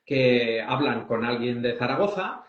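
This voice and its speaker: Casting: man psychologist, mid pitch, hesitant musing, roomy and dull live-stream sound. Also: lively intonation, a little slow. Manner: hesitant, thinking aloud. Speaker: psychologist, co-host. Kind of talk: live video chat.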